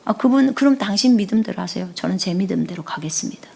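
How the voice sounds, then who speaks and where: A middle-aged woman missionary giving a sermon, telling personal stories with lively feeling and sometimes dropping to a whisper. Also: mid-range voice, fast, gravelly, a little hiss or hum. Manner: animated storytelling, often dropping to a whisper when quoting prayers. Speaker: missionary preacher. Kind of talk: live-streamed sermon with personal testimony.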